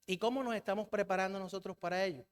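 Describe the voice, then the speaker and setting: A man's voice: high-pitched, steady tone, fast, long reverb tail. A Colombian man preaching a sermon in a church, asking the congregation questions and having them call back the answers.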